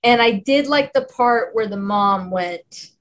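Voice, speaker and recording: A young adult woman co-hosting a podcast, chatting casually about films, animated and quick to laugh. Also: fairly high pitch, slight background noise. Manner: animated, laughs often, self-described film nerd. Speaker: podcast co-host. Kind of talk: casual film discussion.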